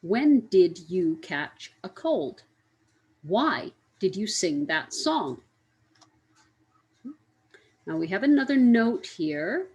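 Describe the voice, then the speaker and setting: A woman's voice: mid-range voice, big pitch swings, slow, long pauses, darkish tone, rough recording. A woman teaching an English grammar lesson, speaking carefully, spelling out letters and repeating each example.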